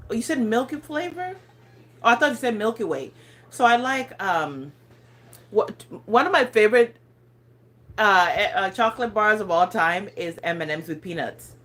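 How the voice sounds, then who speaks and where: This lifestyle channel host, a woman in her thirties, speaks with a non-native English accent while going through viewer comments on a phone livestream. Her voice is medium in pitch and a bit bright. She rambles loosely, laughing and tripping over words.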